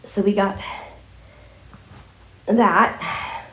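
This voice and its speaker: A woman's voice: medium pitch, steady tone, extremely slow, fairly bright tone. A woman talking casually in a rambling, informal vlog style while fighting a cold and a scratchy sore throat. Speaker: vlogger addressing viewers. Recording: echoey room.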